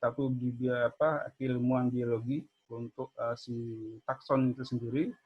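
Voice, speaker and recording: A man lectures over a video call that keeps cutting in and out, so his words come through in broken chunks. His voice sits at an ordinary pitch, and the call audio sounds dull and lo-fi with a dry, close feel. He explains patiently and often checks in with his listeners. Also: flat delivery, measured pace, no echo. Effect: choppy, breaking-up video call audio. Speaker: geology lecturer. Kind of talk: online university lecture.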